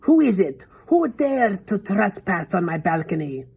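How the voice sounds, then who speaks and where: A woman's voice: mid-range voice, very animated, unhurried, vocal fry, husky, voice pushed up, heavily acted. A woman voicing a snapping, imperious witch queen. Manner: snapping, commanding, shouting. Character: fierce imperious female witch leader.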